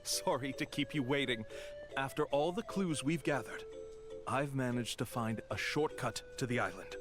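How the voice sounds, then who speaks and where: An actor playing a slick, bold con-man tour guide in a game, talking smoothly and theatrically. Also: medium pitch, moderate pace, natural voice. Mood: smug. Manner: smooth, theatrical, dramatic pronouncements. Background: game music.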